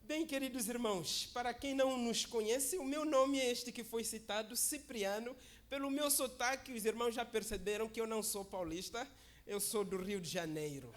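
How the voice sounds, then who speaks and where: A guest preacher at a church service delivers an informal sermon in a chatty, joking manner, often asking "né?" and calling for amens. His voice is extremely high-pitched, at a moderate pace.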